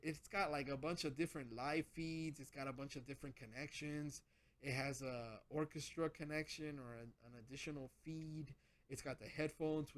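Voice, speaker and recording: A man hosting a casual gadget vlog, rambling with lots of restarts as he explains his setup. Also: a little high. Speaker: channel host.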